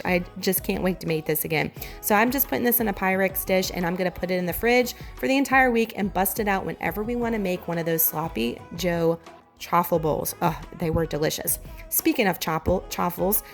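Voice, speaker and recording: Casting: woman, Southern US accent, upbeat home-cooking vlogger, mid-pitched, congested gravelly voice that is giving out. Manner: chatty, enthusiastic, addresses viewers directly. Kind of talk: casual meal prep voiceover.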